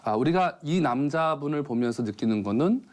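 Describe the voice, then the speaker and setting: Lively storytelling pastor, a man. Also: on the high side, moderate pace. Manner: lively storytelling, chatty, asking the audience. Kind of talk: TV sermon with a joke story. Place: TV studio.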